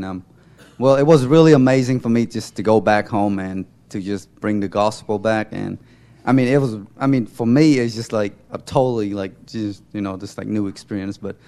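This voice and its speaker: A young Cambodian man, serving as a mission volunteer, gives an informal church testimony in a halting way, often searching for words. His voice is on the low side with a dark tone.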